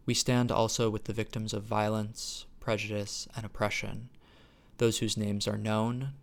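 A male podcast host with a low, gravelly voice that stays fairly flat. He speaks earnestly and pauses on fillers as he frames his questions. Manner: earnest, hesitant with fillers when asking questions. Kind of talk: podcast hosting.

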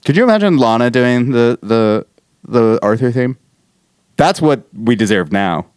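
A man's voice: mid-range voice, expressive, unhurried, a little mellow, clean tone, no room sound, clean studio sound. A man co-hosting a podcast in casual chat, rambling and laughing as he talks, with some swearing. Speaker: podcast co-host.

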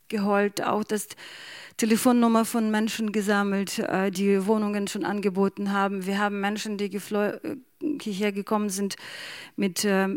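A woman from Ukraine speaking German, soft-spoken and hesitant, pausing often with fillers as an interview guest. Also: medium pitch, dry recording, clean studio sound. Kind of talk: slow emotional reading and halting answers.

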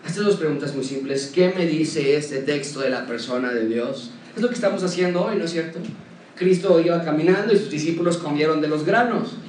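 A man with a high voice preaches a sermon and speaks straight to his listeners with practical counsel. He sounds far from the mic in an echoey room, with faint noise underneath. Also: a little fast, darkish tone. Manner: direct, addresses listener with practical advice.

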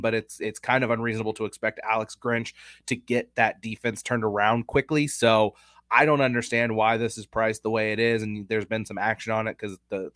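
A man's voice: mid-range voice, fairly bright tone, no echo, clean studio sound. A young man hosting a casual sports betting chat, talking through stats and odds analytically. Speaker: sports betting podcast host.

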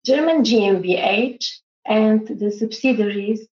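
A woman from Bulgaria with Bulgarian as her first language, a company CEO speaking on a video call panel, measured and halting in her phrasing. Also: medium pitch, a little mellow. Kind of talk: panel discussion. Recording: echoey room, dull lo-fi sound.

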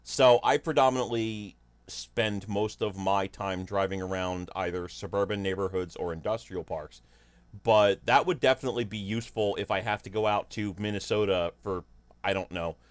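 Low-voiced man, blunt casual chat. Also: fairly even intonation, moderate pace, dry recording. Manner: blunt, offhand, joking. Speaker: podcast co-host.

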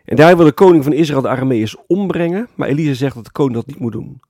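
A man preaching a sermon as pastor, explaining calmly and often adding a tag word to his points. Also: mid-range voice, fast talker, no room sound, clean studio sound. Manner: calm explanatory preaching with frequent "hè" tags.

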